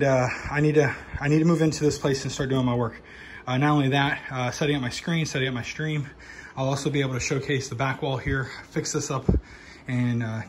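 A man at mid pitch walks through the loft he is turning into a studio, talking loosely and rambling with plenty of uhs. A faint hiss sits under his voice. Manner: loose, rambling, lots of fillers. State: out of breath. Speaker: channel host. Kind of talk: casual vlog update. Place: home loft room being set up as studio.

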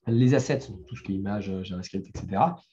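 At a developer meetup, a middle-aged French-accented man gives a live talk with a screen demo, chatting conversationally with many fillers and restarts. His voice is low-pitched, fast and dark, on dull audio with a bit of hiss or hum.

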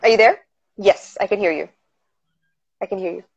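A woman guest talks over a video call, and her voice comes through muffled and lo-fi. She sits at an ordinary mid pitch for a woman and chats casually. She laughs off the lag and apologizes while the line drops. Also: moderate pace, creaky, slightly rough. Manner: apologetic, laughing off connection glitches. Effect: heard over a video call. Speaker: interview guest, actress. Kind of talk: casual chat. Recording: dull lo-fi video call audio.

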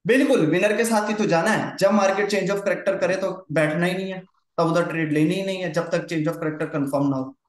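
In a reverberant room with slight background noise, a man teaches trading charts in a relaxed lesson, speaking at a moderate pace in a high voice. He goes over points repeatedly and keeps making sure his listener understands, in a coaxing way.

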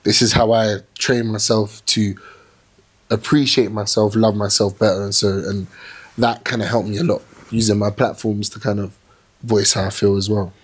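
A young man talking as a podcast guest in a small indoor studio, reflective and animated, telling his story with restarts. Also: lowish voice, moderate pace, husky. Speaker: plus-size model, podcast guest. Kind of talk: casual interview chat.

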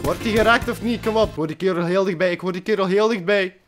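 A man with a high voice gives rapid play-by-play of his own gaming. He mocks himself, swears at the game and yelps when things go wrong, with music clearly playing underneath. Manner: excitable, self-mocking, swears and yelps at the game. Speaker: gaming YouTuber. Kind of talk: live gameplay commentary.

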